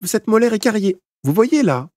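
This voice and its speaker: A man voicing a calm, matter-of-fact girl who takes charge as a dentist. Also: high voice, moderate pace, dry recording, studio quality, pitched above the performer's own voice.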